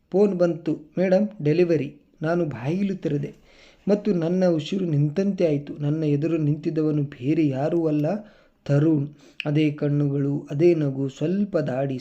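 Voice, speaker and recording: A male storyteller reading a first-person story calmly and with feeling. His voice is slightly high but very dark and mellow. The recording has a dull, muffled sound.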